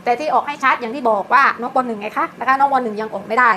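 A woman teacher giving a pronunciation lesson aimed at parents, explaining quickly and exaggerating rolled r sounds to demonstrate them. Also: fairly high pitch, sharp tone, a little hiss or hum.

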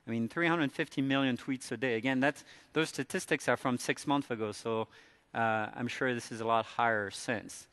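A man from France with an American accent gives a conference presentation in a large hall, keeping it casual and conversational with fillers and restarts. His voice sits at medium pitch, moves at normal speed, and has a fairly bright tone.

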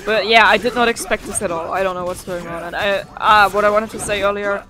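A young female let's player chats casually through a game. Her medium-pitched voice rambles and reacts as she goes, with some music playing faintly behind her. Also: steady tone, a little fast, sharp tone, low-quality recording. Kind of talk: casual playthrough commentary.

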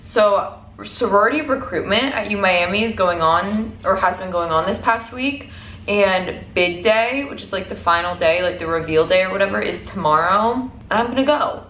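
A woman's voice: mid-range voice, moderate pace, fairly bright tone. Young woman vlogging in an echoey room. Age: young adult. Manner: rambling, peppered with "like". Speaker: lifestyle vlogger. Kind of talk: casual chatty vlog to camera. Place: indoors at home, mostly a living room or bedroom. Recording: echoey room with faint noise.

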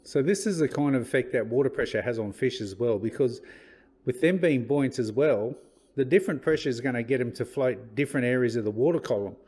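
A man's voice: medium pitch, fairly quick, a little mellow, poor audio. A middle-aged Australian man who hosts a fishing show, explaining things plainly and matter-of-factly while standing in a kitchen. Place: kitchen indoors.

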